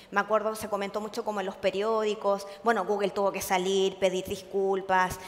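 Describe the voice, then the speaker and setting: A woman giving a conference talk to an audience, earnest and full of hesitations, often checking in with her listeners. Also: mid-range voice. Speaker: conference speaker. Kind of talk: public lecture to an audience. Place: large conference hall. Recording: long hall reverb.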